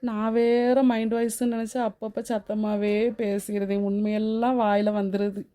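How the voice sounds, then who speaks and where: A woman voicing a sharp-tongued young daughter-in-law in a cartoon who mutters sarcastic asides. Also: medium pitch, level tone, moderate pace, natural voice.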